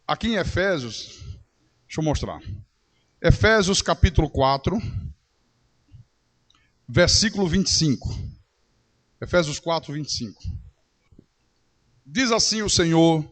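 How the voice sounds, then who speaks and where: Animated pastor preaching, high voice. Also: male voice, a little slow, long pauses. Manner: animated preaching with voiced quotes and rhetorical questions. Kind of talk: sermon. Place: church.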